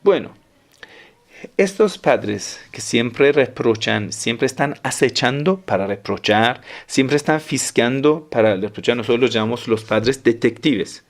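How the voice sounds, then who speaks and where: Male cleric, mid-pitched, repetitive teaching delivery with sharp emphatic rises. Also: unhurried. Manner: explains step by step, repeats key phrases, often acts out parents' words. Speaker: sheikh giving a religious talk on parenting. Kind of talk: lecture-style religious talk.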